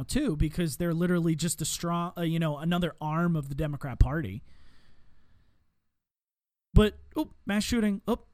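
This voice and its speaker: A man's voice: a little high, dry recording, clean studio sound. A man hosting a podcast, delivering a rambling political commentary monologue with sarcastic asides. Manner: rambling and sarcastic, with mocking voices for opponents. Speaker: podcast host.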